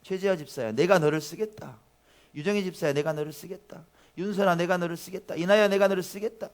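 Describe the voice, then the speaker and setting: A man's voice: on the low side, fairly quick, vocal fry, a little mellow. A man, a pastor, voicing God as a kindly but firm caller who names each church member in turn during a sermon. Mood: rising, fervent. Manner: solemn repeated calling by name.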